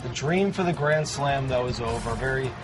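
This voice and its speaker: A man working as a golf commentator and analyst, chatting casually over tournament highlights. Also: moderate pace, background noise. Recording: music bed behind the voice.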